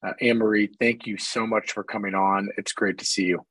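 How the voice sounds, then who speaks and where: Hoarse man, podcast host, slightly low voice, dry close sound, friendly with lots of fillers. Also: steady tone, brisk, fairly bright tone, no room sound, poor audio. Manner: friendly, upbeat, uses many fillers. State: hoarse from a cold. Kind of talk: casual interview chat. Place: office.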